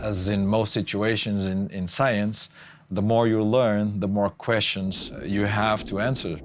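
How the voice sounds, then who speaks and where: Low-voiced male researcher in a nature documentary interview. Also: steady tone, measured pace, noisy background. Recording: clear music under the voice. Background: music.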